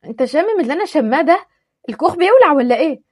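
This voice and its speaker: A woman voicing a stubborn, sharp-tongued young woman with an Egyptian accent in a told story. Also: sits high, big pitch swings, racing, no echo, studio quality, pitched above the performer's own voice. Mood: indignant. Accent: Egyptian Arabic. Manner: sharp, indignant.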